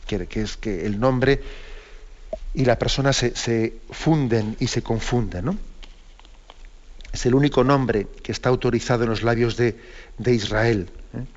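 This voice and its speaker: Unhurried man teaching, lo-fi sound. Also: medium pitch, darkish tone. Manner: unhurried, with many "¿no?" asides. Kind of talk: catechetical talk on a program.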